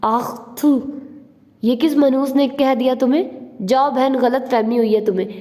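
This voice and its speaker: Woman reading as a cheeky loud young man. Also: sits high, moderate pace, big-room sound, pitched above the performer's own voice, close to an everyday voice. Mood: teasing. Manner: teasing, boastful banter.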